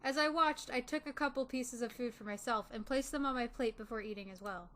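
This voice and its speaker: Brief: a chatty woman narrating a dating game, bright and a little high. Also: brisk, a little hiss or hum. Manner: giggly, chatty. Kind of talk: reading a dating sim aloud with commentary.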